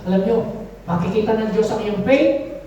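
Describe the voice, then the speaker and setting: A woman's voice: medium pitch, expressive, normal speed, warm tone, muffled recording, slight background noise. A woman pastor preaching a sermon in a church, often calling out to the congregation for an "Amen". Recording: echoey room, mic far off.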